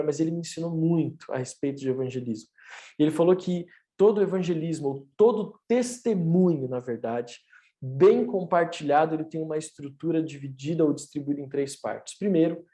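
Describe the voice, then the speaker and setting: A man in his thirties, a pastor, shares his testimony for an online church service. His voice sits a little high with a warm tone, and he speaks earnestly and preacherly, his emphasis rising.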